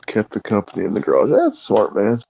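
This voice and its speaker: A male host in casual chat who reacts readily and laughs easily. His voice is gravelly with a husky edge. The recording is dry and close. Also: lowish voice, huge pitch swings, fairly quick, darkish tone, dry recording, lo-fi sound.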